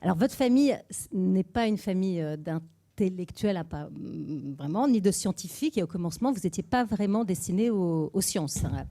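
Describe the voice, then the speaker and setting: A woman's voice: on the low side, animated, moderate pace, mellow. A woman interviewer putting prepared questions to a guest, hesitantly, phrase by phrase.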